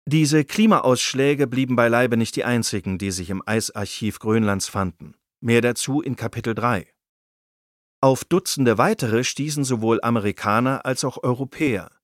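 A man's voice: mid-range voice, normal speed, dry recording, studio quality. A man reading nonfiction in a scripted, engaged storytelling manner. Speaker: narrator.

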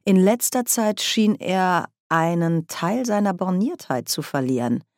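A woman reading a novel aloud in measured, clear audiobook narration. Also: on the low side, animated, dry recording, clean studio sound. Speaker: audiobook reader. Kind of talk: scripted narration.

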